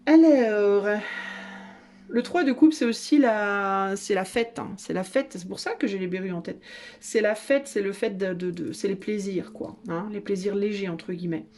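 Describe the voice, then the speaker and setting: A woman's voice: mid-range voice, moderate pace, mellow. Playful chatty woman reading tarot. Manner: playful and chatty, laughs often, teasing. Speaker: tarot card reader. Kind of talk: casual tarot guidance reading.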